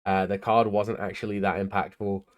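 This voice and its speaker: A man's voice: on the low side, little pitch movement, moderate pace, muffled recording. A tired young man casually talking through his tournament card deck in a laid-back, rambling way, with lots of ums and uhs. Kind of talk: casual deck profile talk.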